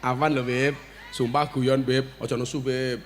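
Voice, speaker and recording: A man with a Javanese accent preaching a humorous sermon, joking and bantering with the audience and now and then breaking into shouts. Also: medium pitch, flat delivery, normal speed, some chatter behind. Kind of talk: humorous sermon at a village gathering.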